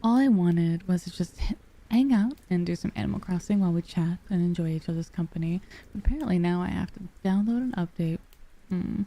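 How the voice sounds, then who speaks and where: Woman, very mellow tone, slightly low pitch, soft cozy storybook voice, casual livestream chat, affectionate manner. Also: fairly quick, poor audio. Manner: affectionate, calls listeners pet names. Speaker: livestreamer, VTuber.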